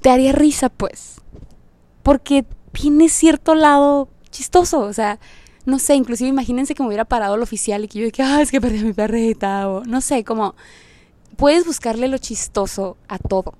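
A young adult woman with a Mexican accent, telling a personal story on her podcast in an expressive, slangy way with English phrases mixed in. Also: high voice, normal speed, no room sound. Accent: Mexican Spanish. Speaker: podcast host. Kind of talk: casual storytelling monologue.

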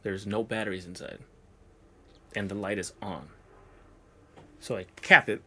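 A man's voice: fairly low pitch, fairly even intonation, measured pace, bright, forceful tone. A young man on a casual podcast, telling a spooky story in a laid-back, profane way. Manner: laid-back, profane, drifts into quoted voices. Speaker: podcast guest.

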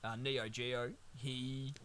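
A man's voice: medium pitch, flat delivery, drawn-out words, a bit bright, a little hiss or hum. A man co-hosting a podcast, recapping a film in a rambling, sweary, laid-back way. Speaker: podcast co-host. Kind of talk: casual film-review chat.

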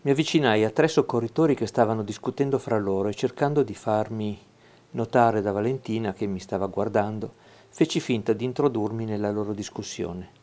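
Soft-spoken man, mellow low voice. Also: a little fast. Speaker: audiobook narrator. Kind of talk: scripted narration of a fantasy story.

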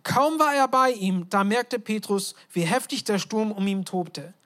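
Woman, preacher, conversational sermon, lively storytelling, rhetorical questions, mid-pitched voice. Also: a little slow. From abroad, moved to Germany.

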